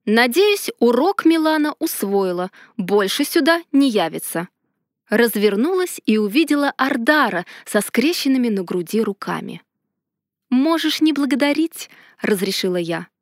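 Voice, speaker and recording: A woman narrating a first-person fantasy romance, telling it in a lively and expressive way. Her voice sits on the high side. The recording is close and completely dry. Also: normal speed, no echo. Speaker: audiobook narrator.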